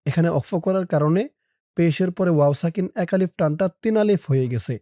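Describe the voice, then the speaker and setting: A Quran recitation teacher spells out Arabic letters and vowels, with brisk explanations between slow, drawn-out chanting of the verse. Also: mid-range voice, mellow, dry recording, clean studio sound.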